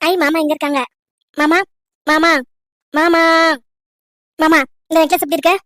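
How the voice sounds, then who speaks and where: A woman's voice: high-pitched, level tone, moderate pace, a bit bright, no room sound, studio quality. A woman voicing a cheerful young village girl who chatters eagerly and coaxes her uncle in a cartoon love story. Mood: chatty. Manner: chatty, coaxing.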